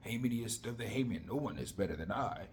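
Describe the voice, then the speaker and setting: A pompous, self-admiring court official speaking in a lower, softer voice than the storyteller's own, as a man puts him on. Every line sounds puffed up with vanity. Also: expressive, quick pace, slight background noise, natural voice. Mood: vain.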